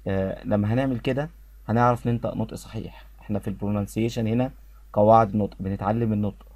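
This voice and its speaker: A man with an Egyptian Arabic accent teaching English pronunciation, repeating each word slowly and clearly for his students. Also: fairly low pitch, fairly even intonation, a little mellow, no echo. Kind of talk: pronunciation lesson.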